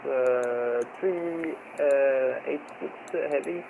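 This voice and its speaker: Man, pilot radio calls over headset mic, gravelly voice, hesitant, uh-filled pauses, faint background hiss. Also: mid-range voice. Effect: pilot's cockpit radio through a headset mic. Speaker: virtual airline pilot on radio. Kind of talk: radio calls to air traffic control.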